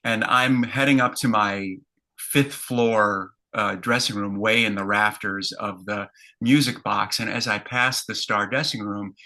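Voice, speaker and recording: A man's voice: fairly low pitch, steady tone, measured pace, sharp tone. A man in his fifties, a stage performer, telling his story in a reflective, detailed way with many fillers. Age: 50s. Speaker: interview guest, stage performer. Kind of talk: conversational storytelling.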